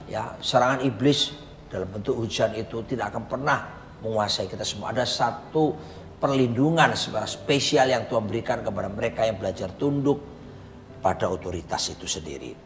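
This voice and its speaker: A man's voice: medium pitch, brisk. A male pastor teaching in a conversational sermon style, preaching emphatically with his co-host. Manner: emphatic preacher, repeats partner's phrases. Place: coffee lounge. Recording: roomy reverb with faint background hum.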